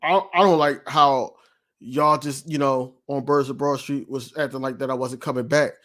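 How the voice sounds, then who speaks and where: A man's voice: medium pitch, fairly even intonation, moderate pace, a bit bright. Casual man rambling about football. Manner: loose, repetitive, frequent fillers and restarts. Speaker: podcast panelist. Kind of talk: casual sports chat.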